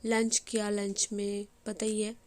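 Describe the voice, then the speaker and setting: A young woman with a hoarse voice, chatting casually as she narrates her day in a home vlog. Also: medium pitch, completely flat delivery, unhurried, a little mellow. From Bengali family. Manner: chatty, rambling with fillers. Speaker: vlogger.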